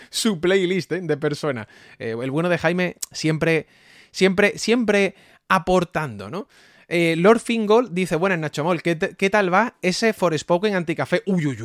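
A young man with a Spain Spanish accent, streaming and reading his live chat in a joking, animated way, often laughing and repeating exclamations. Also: on the high side, no echo, studio quality. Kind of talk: casual livestream chat.

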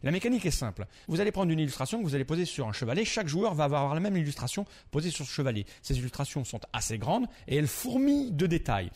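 A man with a slightly higher voice than most, talking through a board game review. He explains the rules step by step in a chatty way and keeps turning to the host. It sounds like a prepared segment, read with ease. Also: big pitch swings, fast talker, few pauses, a little mellow.

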